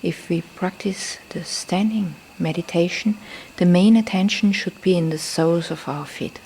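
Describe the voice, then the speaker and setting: A woman teaching meditation guides a session at a temple in Thailand, speaking English as a non-native speaker. Her voice is soft, breathy and fairly low, often close to a whisper, and she uses gentle, deliberate short phrases broken by pauses. This live field recording is rough, with faint background noise.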